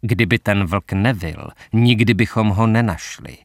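A man narrating a story, voicing a calm young army commander in a matter-of-fact tone. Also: lowish voice, dry recording, studio quality, natural voice.

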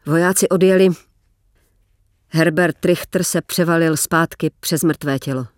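A man reading a novel aloud, measured, slowing down for emphasis. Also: fairly high pitch, steady tone, dry recording, studio quality. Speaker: narrator. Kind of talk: scripted audiobook narration.

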